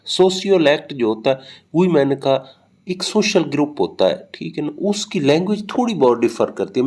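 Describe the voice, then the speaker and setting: A man's voice: mid-range voice, a little mellow. Brief: male lecturer, mid-range voice, patient teaching delivery with frequent hesitations. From Pakistan. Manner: explains with everyday examples, frequent hesitation fillers. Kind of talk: recorded lecture explaining linguistics.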